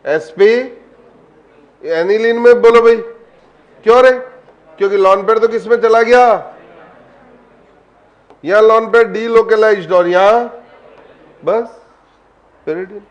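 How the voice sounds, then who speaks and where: Guy teaching an online class, slow and kinda high, keeps asking the kids again and again, muffled lo-fi sound. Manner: quizzing students with repeated questions; coaxing, affectionate address to students. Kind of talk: live online class lecture.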